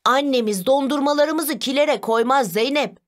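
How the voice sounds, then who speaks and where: A woman's voice: high voice, moderate pace, pitched above the performer's own voice, lightly acted. Woman doing an eager little boy. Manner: excited, shouting, playful child voice. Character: eager playful little boy, birthday child.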